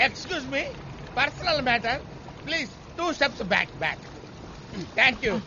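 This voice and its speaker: An actor playing a cowardly comic man who whines and pleads fast, in a dubbed film comedy. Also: very high-pitched, very animated, bright, forceful tone, a little hiss or hum, full character voice. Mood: pleading. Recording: slightly dull film soundtrack with music.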